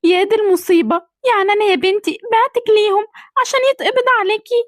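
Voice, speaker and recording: A woman's voice: very high voice, fast, dry recording, clean studio sound. A woman putting on a desperate poor mother. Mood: distraught. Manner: lamenting, begging. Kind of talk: amateur cartoon drama voicing.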